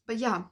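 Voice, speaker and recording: A woman's voice: a little high, breathy edge. A young woman author talking earnestly in a casual vlog, rambling with many fillers and losing her voice. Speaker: author and vlogger.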